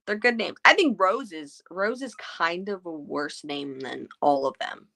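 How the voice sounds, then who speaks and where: Woman host chatting about a book, bright tense voice, kinda low, rambly with lots of likes. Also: expressive, a little slow, creaky. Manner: chatty, trailing off with fillers. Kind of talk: casual book chat.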